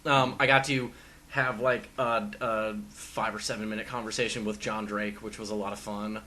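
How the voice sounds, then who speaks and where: A man's voice: fairly low pitch, level tone, moderate pace, bright, forceful tone, a little hiss or hum. A man hosting a casual gaming podcast, telling stories in a rambling way with many fillers and restarts. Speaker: podcast host. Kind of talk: casual chat.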